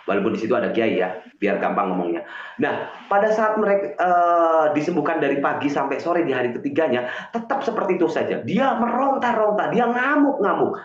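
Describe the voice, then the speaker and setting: Hesitant man on an echoey stream. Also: fairly high pitch. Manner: hesitant, frequent fillers and restarts; earnest and confessional. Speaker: guest on a live stream, self-styled healer. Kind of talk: casual storytelling on a live stream. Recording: echoey, dull lo-fi stream audio.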